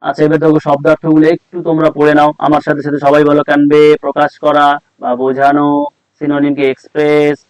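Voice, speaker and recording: A man's voice: fairly high pitch, darkish tone, no room sound, poor audio. Man teaching, asking then answering himself. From Bengal. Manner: repeats key words and asks then answers his own questions. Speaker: English teacher. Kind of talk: classroom-style lesson explaining a text.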